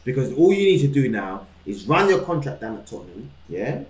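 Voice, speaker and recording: A man with a London roadman accent and street slang, co-hosting casual football banter in an animated, emphatic way. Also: mid-range voice, fairly quick. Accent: London, urban roadman slang. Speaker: podcast co-host. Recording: roomy, echoing room sound.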